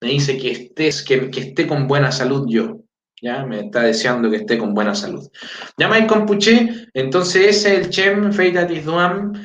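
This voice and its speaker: A man's voice: mid-range voice, animated, moderate pace, fairly bright tone. A Chilean man teaching his language in casual talk, checking in with listeners and reading out greetings. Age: adult with a four-year-old daughter. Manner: conversational, fillers, frequent "¿ya?" checks. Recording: roomy, distant, dull lo-fi sound.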